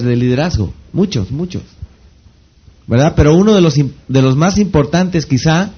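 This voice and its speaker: A man with a Mexican accent giving a motivational seminar talk as a network marketing trainer. He keeps asking rhetorical questions and pauses for the audience to finish his sentences. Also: fairly high pitch, highs cut off. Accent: Mexican Spanish. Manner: rhetorical questions, pausing for the audience to fill in words.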